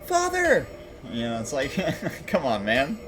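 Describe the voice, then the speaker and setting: A man talks loosely to his stream audience, laughing between sentences. He speaks slowly, his pitch bouncing up and down. The feel is relaxed and jokey. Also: noisy background. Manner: laughs often, loose and joking. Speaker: livestreaming speedrunner. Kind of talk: casual stream chat.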